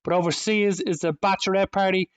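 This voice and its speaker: Guy, sweary podcast banter, high voice, very dry close mic. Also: steady tone, quick pace, clear, resonant tone, dry recording. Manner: sweary, laughing, rambling banter. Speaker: co-host. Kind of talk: casual podcast chat.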